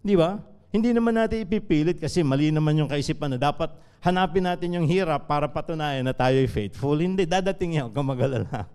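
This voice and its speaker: A man's voice: on the high side, quick pace, a little mellow, smooth. A male pastor with a Filipino accent preaching a conversational sermon during a live church service, often asking the congregation rhetorical questions. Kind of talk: sermon mixing Tagalog and English.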